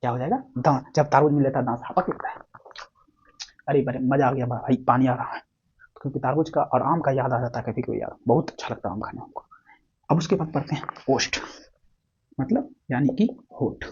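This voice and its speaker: A man's voice: medium pitch, quick pace, lo-fi sound, noisy background. A man with a Bihari accent teaching Hindi grammar in a playful classroom style, full of memory tricks and questions to his students. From Bihar, India. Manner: animated, playful, jokes and asks students questions.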